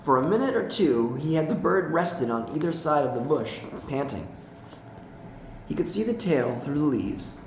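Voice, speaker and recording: A man reads a literary short story aloud, steady and deliberate, his voice catching into gravelly fry at phrase ends. The recording has a noticeable room echo, with a faint ambient hum behind it. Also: on the high side. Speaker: audiobook reader.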